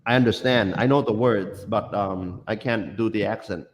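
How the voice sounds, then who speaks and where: A man's voice: lowish voice, moderate pace. A man from Thailand with a Thai accent, hosting a casual livestream chat and talking with many fillers and restarts. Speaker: livestream host.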